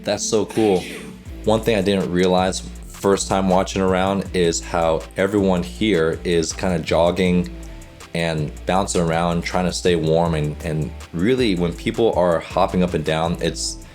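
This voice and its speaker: A man's voice: low-pitched, a little mellow. A man who coaches volleyball hosts a reaction video, chatting in an upbeat way and breaking down what he sees on screen. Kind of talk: casual reaction commentary.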